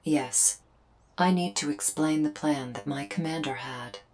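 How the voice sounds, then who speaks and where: Playing an alien invader soldier, a woman explains matters solemnly in a roleplay audio drama, her phrasing stiff, formal, literal and earnest. Her voice is low, a little slow and a little mellow, set against background music.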